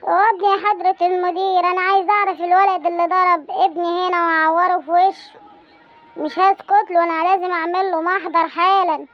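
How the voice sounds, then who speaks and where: A woman's voice: very high voice, flat delivery, fast. A woman with an Egyptian accent playing an indignant mother in a comedy sketch, scolding and complaining. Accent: Egyptian Arabic. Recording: lo-fi sound.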